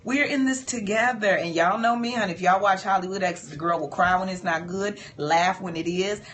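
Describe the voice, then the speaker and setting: A woman, chatting candidly and warmly to viewers while filming her cosmetic treatment in a doctor's office. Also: mid-range voice, fairly quick, slight background noise. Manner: animated, chatty, heartfelt, addresses viewers as y'all. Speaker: patient filming her own cosmetic procedure. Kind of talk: candid livestream talk to viewers.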